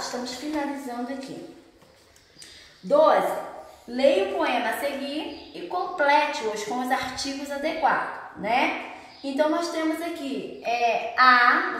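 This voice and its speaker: Female primary teacher, Brazilian Portuguese accent, high voice, patient and clear for kids; heavy room echo. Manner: gentle, patient, reads slowly and clearly. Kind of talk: recorded online lesson for children. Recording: very echoey room with long reverb.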